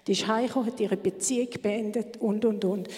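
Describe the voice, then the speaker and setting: A woman giving a fervent church testimony, sometimes dropping to a hushed whisper for emphasis. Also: medium pitch, steady tone, fairly quick. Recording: long hall reverb.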